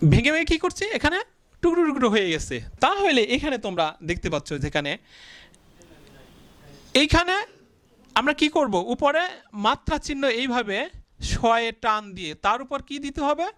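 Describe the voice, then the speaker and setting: A male teacher giving a blackboard grammar lesson, asking the class questions, answering them himself and drawing syllables out slowly as he writes. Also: very high-pitched, very animated, sharp tone, no echo. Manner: stretches out syllables slowly while writing.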